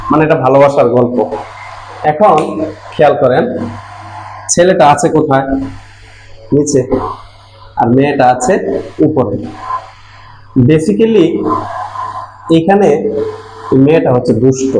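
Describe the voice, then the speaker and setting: A man's voice: on the high side, mellow. Man, Bengali speaker, Korean class teacher, storytelling, questions to students, roomy echo, faint noise. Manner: storytelling, asks students questions and answers them. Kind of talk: explanatory lesson. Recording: echoey room, faint background noise.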